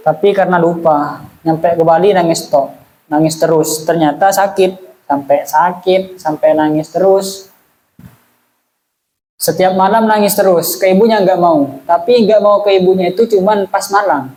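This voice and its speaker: A man's voice: sits high, moderate pace, a little mellow, rough recording. A man, teaching an Islamic study class in a chatty way and asking the audience questions. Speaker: religious teacher. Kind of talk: casual Islamic study lesson.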